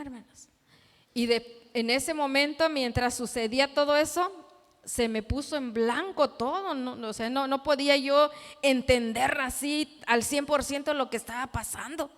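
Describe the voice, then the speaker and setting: High-voiced woman preacher giving testimony. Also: a bit bright. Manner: earnest storytelling, often addressing listeners as "hermanos". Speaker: guest preacher. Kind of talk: testimony sermon. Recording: reverberant church hall.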